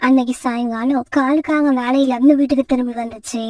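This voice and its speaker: A woman narrating a children's cartoon story in a steady, even storytelling manner. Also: high voice, fast, dry recording, far from the mic.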